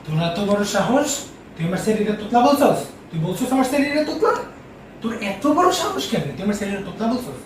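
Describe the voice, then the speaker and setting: A hot-tempered rustic father, played by a young man, scolding in fast, angry bursts. The voice is high and swings widely. It comes from far off in an echoey room. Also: expressive, slight background noise. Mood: furious.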